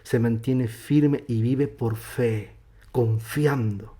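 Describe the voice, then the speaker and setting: A man preaching a sermon as pastor, swinging from loud, emphatic passages to hushed, low endings. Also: fairly even intonation, drawn-out words. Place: church.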